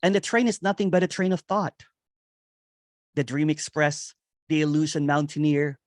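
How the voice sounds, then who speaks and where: A man giving a meditative spiritual reflection on nonduality, repeating phrases and chuckling softly now and then. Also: a little high, normal speed, dry recording, clean studio sound. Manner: meditative, repetitive, with soft chuckles. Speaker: nonduality speaker. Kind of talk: slow spoken spiritual reflection.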